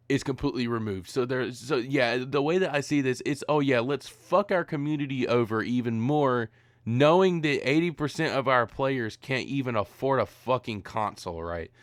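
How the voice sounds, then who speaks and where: A man's voice: mid-range voice, no room sound. A tired man ranting profanely in a rambling, exasperated gaming commentary.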